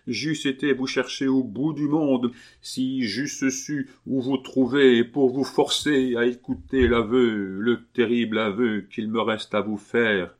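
A man voicing a terrified, dying old man who begs in shrill cries. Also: steady tone, slow. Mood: pleading.

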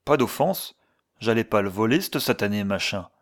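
A man doing a gruff old whaler. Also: lowish voice, animated, moderate pace. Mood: defensive. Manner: rough colloquial speech. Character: gruff old male whaler, plain-spoken sailor.

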